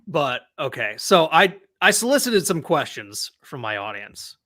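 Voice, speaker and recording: A man's voice: fairly high pitch, very animated, unhurried, pushed and bright. A man hosting a casual livestream chat, rambling and sarcastic, talking from his home. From Milwaukee area. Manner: rambling, self-deprecating, sarcastic. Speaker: livestream host. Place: old house, home studio.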